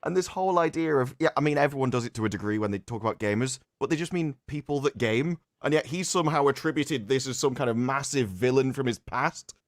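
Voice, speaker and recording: A man on an online panel, arguing in an animated way and mocking others with shouted imitations. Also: medium pitch, fast, few pauses, no echo, studio quality. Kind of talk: casual panel chat.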